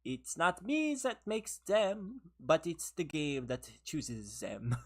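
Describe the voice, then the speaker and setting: This woman's low voice swings widely in pitch, and she takes her time. She's a live streamer playing a game in her room, laughing a lot, teasing her chat, and sounding worn out with a fading voice as she offers casual commentary.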